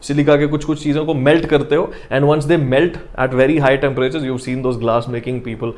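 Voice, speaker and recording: A man's voice: mid-range voice, steady tone, very fast, a little mellow. A young man with a North Indian accent teaching a live online lesson in an informal way, mixing English and Hindi. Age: young adult. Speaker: chemistry teacher. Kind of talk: live online lesson, explaining and chatting with students. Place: indoor studio in front of a digital board.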